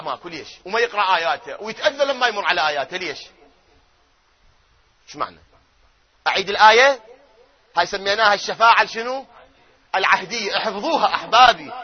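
A man giving a religious lecture, who swings from loud chanting of verses to quiet asides and keeps asking his audience questions. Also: high-pitched, slightly rough, muffled recording. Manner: asks his audience questions and answers them himself. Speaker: cleric lecturing on doctrine.

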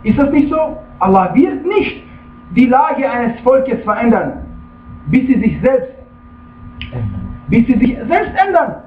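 A man's voice: extremely high pitch, sing-song, slow, pauses often, slight background noise. A man giving a religious lecture as a preacher, speaking emphatically and checking in with his listeners with frequent questions. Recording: tinny, echoey room, far from the mic.

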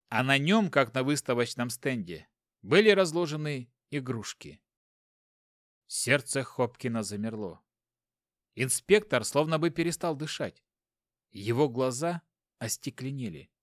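A man narrating a tense fiction audiobook with expressive, dramatic reading. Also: medium pitch, no echo, studio quality.

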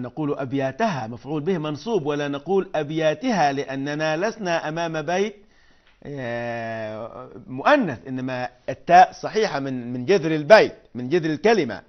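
A man teaching poetic meter, explaining patiently and chanting verses and meter syllables slowly. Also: medium pitch, muffled recording. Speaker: Arabic prosody teacher.

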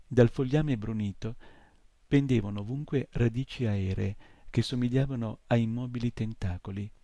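A man narrating an audiobook in a steady, measured storytelling manner. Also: medium pitch, no room sound. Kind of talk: audiobook reading.

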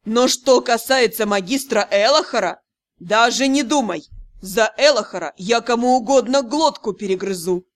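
A woman's voice: a little high, moderate pace, no room sound, lightly acted. Woman playing a coldly menacing female curator. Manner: cold, threatening. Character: stern jealous female academy curator.

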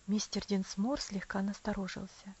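A woman narrating an audiobook in a measured, expressive reading. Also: mid-range voice, husky. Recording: dry, slightly dull recording.

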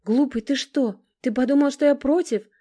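A woman voicing a lively, teasing young bride in an audiobook, quick and emotional in her talk, set noticeably higher than her own reading voice. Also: natural voice. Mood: excited.

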